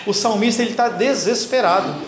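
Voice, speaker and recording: In a church hall with roomy echo and faint noise, a male pastor teaches a Bible class in a high, fairly quick voice. His style is blunt and teasing, and he calls on listeners by name.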